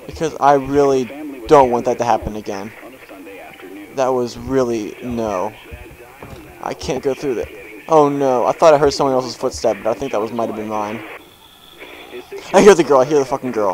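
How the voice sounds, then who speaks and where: A man's voice: mid-range voice, low-quality recording. A young man commenting on a horror game as he plays, jumpy and swearing, with panicked outbursts. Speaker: gamer. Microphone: headphones with desk mic.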